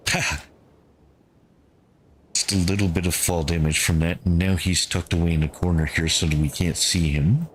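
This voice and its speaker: Deep-voiced man calmly narrating gameplay. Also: fairly quick, few pauses, a little hiss or hum. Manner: calm, thinking aloud to his units. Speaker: gameplay streamer. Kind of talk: gameplay commentary.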